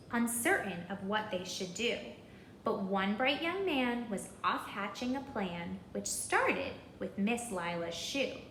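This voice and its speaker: A woman reading a children's story aloud in an expressive, deliberate, rhythmic way, pausing to put questions to listeners. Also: medium pitch, echoey room, a little hiss or hum, poor audio. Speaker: storybook reader.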